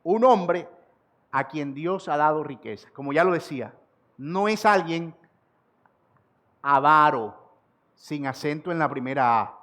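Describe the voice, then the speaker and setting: A male pastor delivering an expository sermon in a voice pitched a little high for a man. He slows down to repeat his central point word by word. He presses harder and higher as he fires off rhetorical questions. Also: animated. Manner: repeats key sentences slowly for emphasis.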